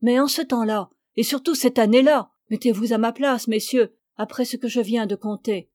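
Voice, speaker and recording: A woman's voice: fairly high pitch, fairly even intonation, moderate pace, darkish tone, no echo, natural voice. A woman reading the part of a guilt-ridden old male forest warden who stammers, pleads and confesses, in a dry, close recording. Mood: confessing.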